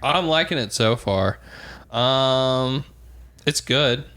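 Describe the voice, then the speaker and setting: A young man co-hosting a podcast, telling stories and giving opinions in a relaxed, casual way. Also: medium pitch, slow. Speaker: podcast co-host. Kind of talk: casual chat.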